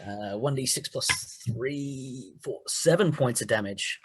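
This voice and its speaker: A man playing in a tabletop game, calmly stating his moves and rolls. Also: mid-range voice, a little slow, husky. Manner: matter-of-fact, calling out rolls. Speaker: player. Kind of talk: casual tabletop game play.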